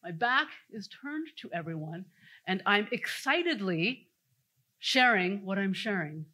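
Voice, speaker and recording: A woman giving an energetic conference talk, telling stories and speaking straight to the audience. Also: medium pitch, a little slow. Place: conference stage before an audience.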